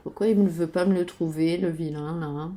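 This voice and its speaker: A woman's voice: sits low, fairly even intonation, moderate pace, warm tone. A woman chatting casually about board games while searching websites, hesitating with many fillers and muttering to herself. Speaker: board game youtuber.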